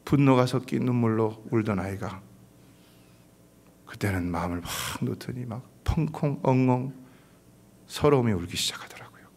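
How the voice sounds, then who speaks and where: A man preaching a sermon as pastor, swinging from loud, rising exclamations to hushed, near-whispered storytelling. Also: medium pitch, normal speed, long pauses. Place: church sanctuary.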